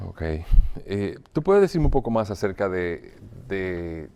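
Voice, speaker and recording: A man acting as a pastoral counselor, asking calm questions and giving short acknowledgements. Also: deep voice, slow, clear, resonant tone. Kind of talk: role-played counseling session.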